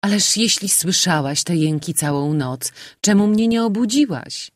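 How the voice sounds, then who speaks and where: A man's voice: high voice, expressive, normal speed, dry recording, studio quality, voice pushed up. A man doing an anxious noblewoman mother. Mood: urgent. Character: anxious aristocratic mother, marquise.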